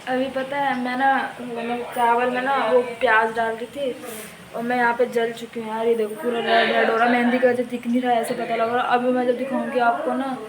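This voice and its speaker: A woman's voice: a little high, flat delivery, a little fast, a crowd in the background, low-quality recording. A young woman chatting casually to viewers in a home vlog, laughing often, and later sounding tired and unwell. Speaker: vlogger. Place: indoors and in yard of a home.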